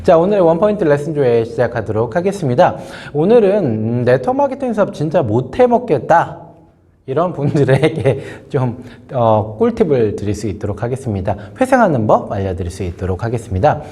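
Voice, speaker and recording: Here the host's warm, medium-pitched voice is very animated and fairly quick as he gives a casual business lecture to camera. He's nursing a sore throat from a cold and drifts into plenty of fillers and asides.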